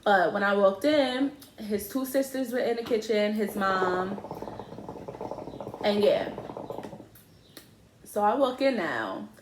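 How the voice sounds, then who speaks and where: A woman's voice: mid-range voice, lively intonation, takes it slowly, pauses often, slight background noise. A young woman, casually and animatedly telling a story to her viewers, laughing and using slang. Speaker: vlogger, co-host with partner. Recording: echoey room.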